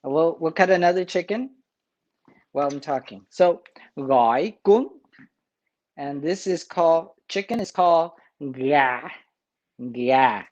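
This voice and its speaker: Man, priest, very slow pace, chuckles a lot, lots of uh and um pauses, casual cooking demo. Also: a little high, expressive, darkish tone, highs cut off. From Vietnam. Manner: unhurried, chuckling, many filler pauses.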